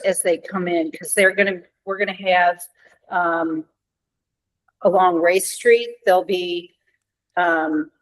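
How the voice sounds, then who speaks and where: A woman discussing event planning informally at a meeting, halting often to find her words. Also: mid-range voice, poor audio. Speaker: event organizer at a board meeting.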